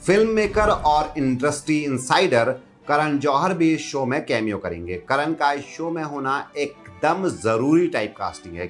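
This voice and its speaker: A man reading a scripted entertainment news roundup in an upbeat, gossipy way. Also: mid-range voice.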